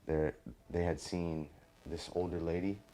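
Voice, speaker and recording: A man's voice: sits low, level tone, unhurried, dark tone, a little hiss or hum. A young man telling a long story in a rambling, casual podcast chat, full of swearing and fillers. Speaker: podcast host.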